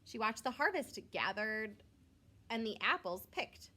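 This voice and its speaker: With an expressive, schoolteacher-like delivery, a woman reads a picture book aloud to young listeners. Her pitch is lively and travels widely up and down, and she pauses for brief, simple asides along the way.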